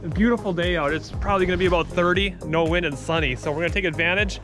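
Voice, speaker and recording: High-voiced man filming outdoors. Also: very fast, over music. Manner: upbeat, rambling, excited when fish bite. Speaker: vlogger, angler. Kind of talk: casual outdoor chat. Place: outdoors on a frozen lake. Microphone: action camera on body.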